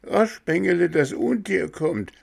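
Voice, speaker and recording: A man voicing an anxious goat who bleats urgent warnings in a high, loud voice. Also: animated, measured pace, creaky, full character voice.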